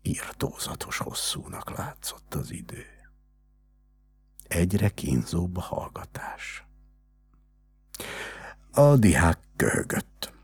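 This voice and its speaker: A man with a very deep, gravelly voice reads a story in measured, hushed narration. His tone is husky and breathy, and his pitch moves expressively. Soft music plays faintly underneath. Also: sing-song. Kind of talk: scripted narration.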